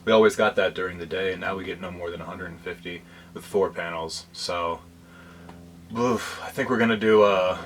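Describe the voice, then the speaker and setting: A man chatting casually in a vlog about life in a converted bus, explaining things in a relaxed, rambling way with fillers. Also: low-pitched, normal speed. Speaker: vlogger. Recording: distant mic with faint background noise.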